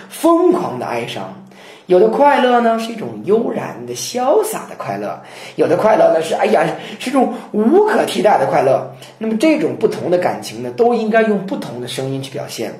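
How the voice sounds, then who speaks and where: A man teaching the chanting of classical poetry, explaining in a lively lecture and breaking into slow chanted verse. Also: high voice. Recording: roomy echo.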